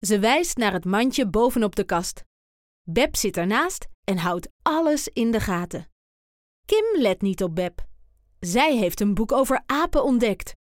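A woman reads a children's picture book aloud, slow and unhurried, her pitch a little high and rising and falling with lots of life. Her delivery is calm and clear, in a dry, close sound. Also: no room sound. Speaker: storybook reader. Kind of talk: children's story read aloud.

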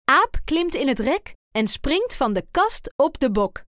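A woman reading a children's picture book aloud in an expressive, deliberate way. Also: sits high, no echo, clean studio sound. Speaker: storyteller.

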